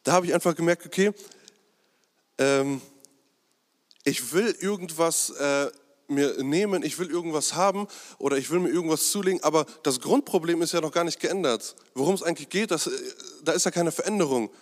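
A man's voice: on the high side, brisk. A man preaching a sermon in a conversational, hesitant way, with many fillers and asides joking with the congregation. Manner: jokes with the congregation. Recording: long hall reverb.

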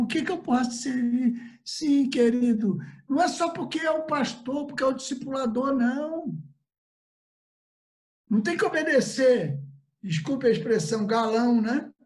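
Brazilian church elder, older man, lively sermon delivery, acts out quotes, video-call audio. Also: very high voice. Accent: Brazilian Portuguese. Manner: animated, acts out little quoted exchanges. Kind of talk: Bible study sermon.

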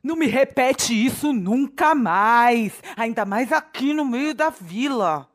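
Brief: woman as a stern, pious mother, commanding and harsh, slightly high voice. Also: lively intonation, slow pace. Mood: scolding. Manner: scolding, commanding.

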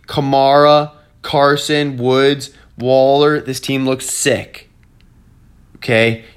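A young man giving casual, profane fantasy football rundowns on a laptop, ranting and mocking himself. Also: medium pitch. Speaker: fantasy football league commentator. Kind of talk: casual chat.

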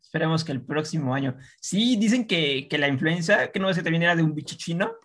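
A young woman chatting casually, relaxed and often searching for words. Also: low voice, brisk. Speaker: interviewer. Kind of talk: casual chat.

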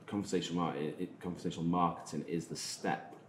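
A man with a Manchester accent talking casually as a podcast host, often halting and rephrasing. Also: low voice, steady tone. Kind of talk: casual discussion of digital marketing. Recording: roomy echo, faint noise.

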